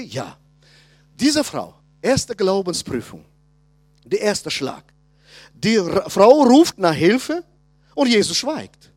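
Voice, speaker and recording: Casting note: man, sixties, lively high-pitched preacher with dry, close sound, punchy emphasis and hushed asides. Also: no room sound. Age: 60s. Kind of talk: conference sermon.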